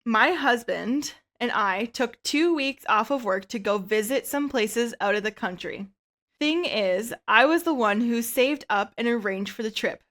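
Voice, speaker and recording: A woman co-hosting a casual podcast, reading listener stories aloud and giving relaxed, opinionated takes that often trail off quietly. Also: fairly high pitch, unhurried. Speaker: podcast co-host.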